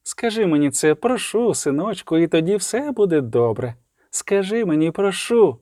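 A man voicing a gentle woman sorceress who coaxes a dying man in a soft, soothing voice in an audiobook. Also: sits high, animated, normal speed, no room sound, clean studio sound, voice pushed up.

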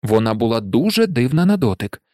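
A man narrating an audiobook in an expressive storytelling manner. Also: medium pitch, a little fast, dry recording, clean studio sound. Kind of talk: audiobook reading.

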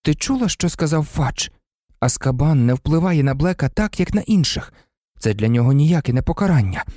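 A grim, stubborn teenage boy, played by a male reader, bitter and set on his course. His voice is warm and moves in lively swings of pitch. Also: moderate pace, no echo, studio quality, natural voice. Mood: brooding.

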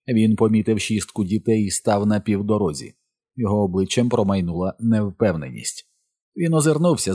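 A man narrating an audiobook in a measured, steady storytelling manner. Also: on the low side, no room sound, studio quality. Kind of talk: scripted narration.

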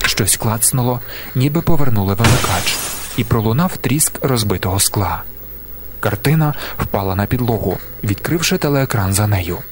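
A man narrating an audiobook in a measured, deliberate way, slowing down for emphasis. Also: on the low side, expressive, background noise. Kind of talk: scripted narration.

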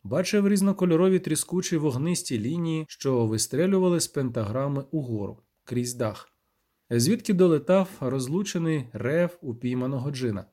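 Male audiobook narrator, fairly high voice, steady measured reading.

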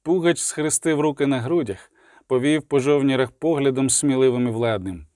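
A man's voice: medium pitch, moderate pace, warm tone, no room sound, studio quality. A man narrating a fantasy audiobook with a vivid, dramatic reading.

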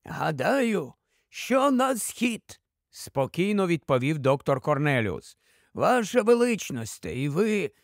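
A learned old scholar explains things calmly and at a measured pace, as a man voices him. The voice is high-pitched with a slight rasp, recorded dry and close. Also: dry recording, exaggerated voice. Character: learned old male scholar, calm and careful.

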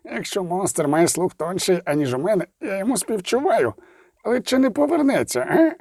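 A man voicing a gruff, blunt male dwarf leader in an audiobook, mocking and quick to swear. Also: high voice, very animated, a little mellow, no echo, clean studio sound, pitched above the performer's own voice, full character voice. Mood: grumbling. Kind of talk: audiobook reading.

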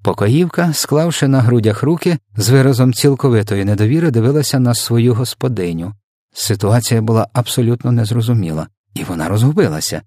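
A man narrating a storybook in a measured, unhurried way. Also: mid-range voice, expressive, dark tone, no echo, studio quality. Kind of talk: scripted audiobook narration.

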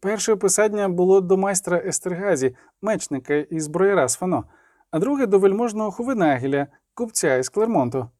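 Man playing a high, fawning young peasant lad, rustic and rambling, audiobook figure. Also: lively intonation, brisk, a little mellow, dry recording, studio quality. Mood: eager. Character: servile eager young male peasant lad.

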